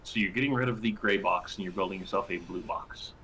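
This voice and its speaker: Low-voiced man teasing in game chat. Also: quick pace, sharp tone, a little hiss or hum, poor audio. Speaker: co-player. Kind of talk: casual multiplayer game chat.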